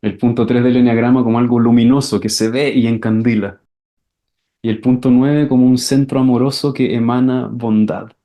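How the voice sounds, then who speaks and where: Male teacher, mid pitch, explains calmly, then acts out scenes loudly. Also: normal speed. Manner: acts out scenes with sudden shouted voices, repeats words. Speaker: enneagram teacher. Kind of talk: class lecture with questions and answers.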